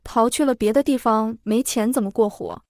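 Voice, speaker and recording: A woman's voice: on the high side, normal speed, a little mellow, no echo, clean studio sound, natural voice. A woman voicing a practical, puzzled male household servant who asks blunt questions, in a story reading.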